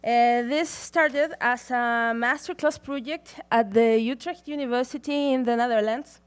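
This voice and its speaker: A young woman from Chile, whose voice sits slightly above average in pitch, addresses a conference from the stage. She moves through her prepared remarks steadily, in a deliberate, measured way.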